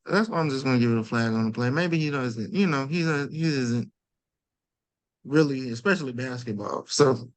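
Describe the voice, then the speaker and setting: A man's voice: mid-range voice, normal speed, no echo. A man co-hosting a casual sports podcast, talking loosely and animatedly with slang and swearing. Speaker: podcast co-host.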